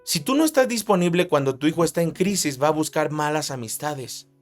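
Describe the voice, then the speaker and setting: Pastor guy preaching, kinda high voice, says stuff over and over to drive it home, light music behind. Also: expressive, brisk. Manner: emphatic, repeats key phrases for emphasis. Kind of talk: sermon.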